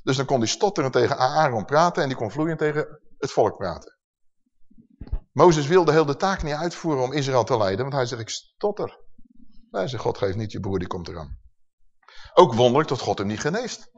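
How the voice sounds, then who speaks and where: A man's voice: mid-range voice, animated, fairly quick. A man preaching a sermon, emphatic and full of rhetorical questions to his listeners. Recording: dull sound with long hall reverb.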